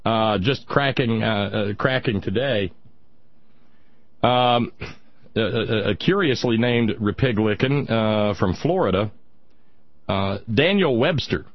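A man hosting political talk in a conversational, sardonic way, with halting asides. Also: fairly low pitch, no echo, highs cut off. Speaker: political talk show host.

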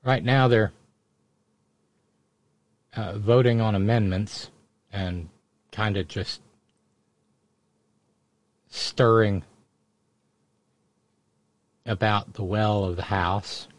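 A man's voice: lowish voice, fairly even intonation, extremely slow, long pauses. A man hosting casual live political commentary in a sardonic, mocking manner. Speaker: host of political commentary show.

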